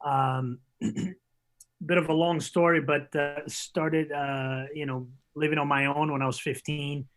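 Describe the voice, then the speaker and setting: A man from Portugal, a soccer coach, answering interview questions thoughtfully with many pauses and fillers over a remote link. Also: a little high, little pitch movement, a bit bright, low-quality recording. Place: remote call.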